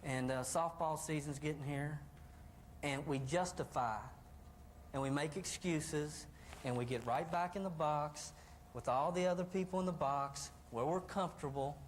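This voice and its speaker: A high-voiced man delivers a folksy motivational talk to an audience in a room. He swings between low, confiding asides and loud, excited stretches. A faint hum of the room sits behind him. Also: moderate pace. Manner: folksy, animated, acts out voices of doubters. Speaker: motivational speaker.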